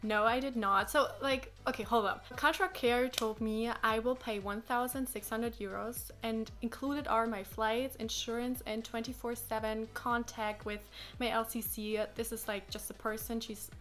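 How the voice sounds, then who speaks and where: Sitting indoors in her small living room with a sofa, a young woman whose first language is German chats and fields questions, sprinkling in fillers and acted-out quotes. Her voice is a little high and a bit bright, with fairly even intonation and normal speed, and faint music plays behind her.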